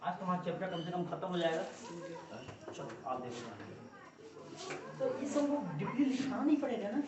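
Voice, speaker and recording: A woman teaching a class, lecturing and coaxing her students with quick check-in questions. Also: fairly low pitch, sing-song, lo-fi sound, noisy background. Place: echoey classroom. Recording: echoey classroom from far off.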